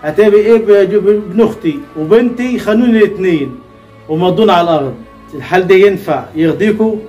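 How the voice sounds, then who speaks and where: A man's voice: high-pitched, fast, warm tone, faint music behind, natural voice. A man with an Egyptian Arabic accent playing a pious blind old father who is betrayed, pleading and praying in an amateur drama skit. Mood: lamenting. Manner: pleading, prayerful, lamenting.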